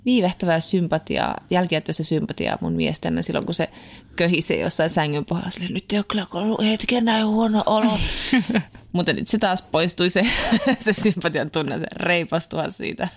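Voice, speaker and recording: Lowish woman with some fry, teasing and joking in a laid-back chat. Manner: playful, teasing, laughs easily. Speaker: podcast co-host. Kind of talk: casual chat.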